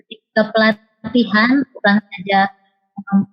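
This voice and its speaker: A woman's voice: mid-range voice, fairly even intonation, measured pace, highs cut off. A woman teacher and trainer giving a formal testimonial over an online call whose audio keeps breaking up, speaking with frequent hesitant fillers. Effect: choppy call audio breaking up. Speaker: teacher and soft-skills trainer. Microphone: video call.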